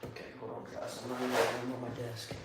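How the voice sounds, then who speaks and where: A man's voice: mid-range voice, monotone, brisk, echoey room, very noisy. A man streaming live, giving casual, rambling commentary with wry remarks as he handles tools.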